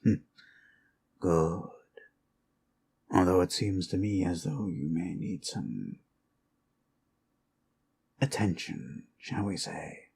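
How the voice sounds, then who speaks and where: A man plays a courteous, rambling undead lich who heals and tells stories in an ASMR fantasy roleplay, his gravelly voice low-pitched, darkish and sometimes breathy. He speaks unhurriedly, musing with formal politeness, in a full character voice that feels courteous and attentive.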